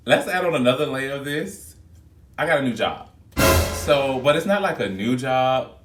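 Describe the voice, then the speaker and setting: Over loud music, a flight attendant chats casually and expressively to his viewers in a vlog filmed on his phone, with the mic held back at a distance in an echoey room. His voice is medium-pitched with lively intonation and a moderate pace.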